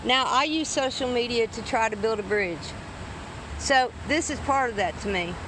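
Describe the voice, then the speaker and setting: A woman's voice: a little high, moderate pace. Talkative woman with a rural Southern drawl. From Tennessee, southern United States. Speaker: independent journalist filming police encounters. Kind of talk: casual conversation. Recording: outdoor street recording with clear traffic noise.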